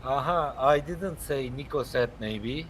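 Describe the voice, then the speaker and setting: Slow-talking jokey male streamer. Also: mid-range voice, slight background noise. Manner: non-native English, jokey, loud at times. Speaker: flight simulator streamer. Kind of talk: casual live-stream chat.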